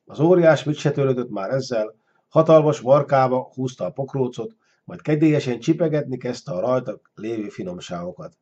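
A man narrating a children's storybook in a lively, expressive way. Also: mid-range voice, dull audio.

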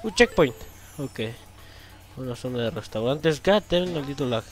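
A young man, commentating a video game as he plays, swearing loudly and laughing often at what happens on screen. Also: medium pitch, expressive, a little slow. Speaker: gameplay commentator. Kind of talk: let's play commentary.

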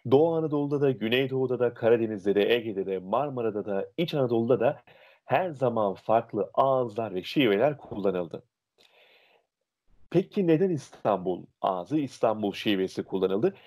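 A young adult man, a diction instructor, explaining dialects and speech in an interview with lively, illustrative examples. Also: medium pitch, moderate pace.

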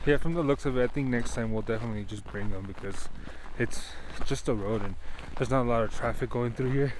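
Young male vlogger, average pitch, relaxed conversational delivery on a trail, noticeably noisy camera audio. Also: fairly quick. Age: young adult. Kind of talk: casual vlog chat. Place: outdoors on a snowy forest trail. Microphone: camera held at arm's length.

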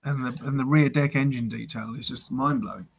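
Male co-host, husky mid-pitched voice, relaxed hobby talk. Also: fairly quick. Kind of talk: casual chat.

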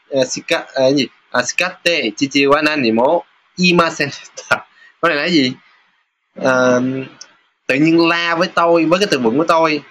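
Slightly high and sharp in tone, the Japanese teacher keeps his test-question lesson informal and chatty. He pauses on filler sounds and reads the example sentences out at a slow pace.

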